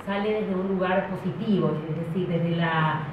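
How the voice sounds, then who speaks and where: Paraguayan-born woman panelist, hesitant, low voice, dull distant roomy recording. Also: normal speed, a little hiss or hum. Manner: hesitant, self-deprecating. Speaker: panelist, educator. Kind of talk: panel talk. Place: community center hall. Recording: echoey hall, far mic, dull sound.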